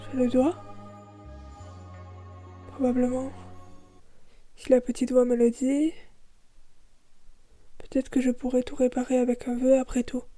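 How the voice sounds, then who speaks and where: High, mellow woman, soft melancholic first-person story narration. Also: level tone, a little slow, pauses often, no echo, faint music behind.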